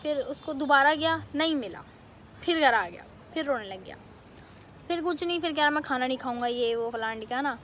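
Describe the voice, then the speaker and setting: A young woman vlogger telling a family story in a casual, animated way, with many fillers. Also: sits high, slight background noise. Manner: animated retelling, quick bursts, many fillers.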